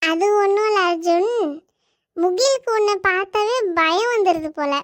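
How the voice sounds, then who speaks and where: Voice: extremely high pitch, normal speed, fairly bright tone, no room sound. A performer voicing a teasing, bossy girl in a family comedy cartoon, explaining things matter-of-factly and giving orders. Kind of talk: family comedy skit dialogue.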